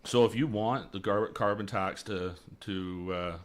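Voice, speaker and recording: An unhurried young man with a voice on the low side, he is an election candidate from the Lower Mainland of British Columbia. Sitting at a boom-arm studio mic in a radio studio, he answers interview questions earnestly, repeating words as he searches.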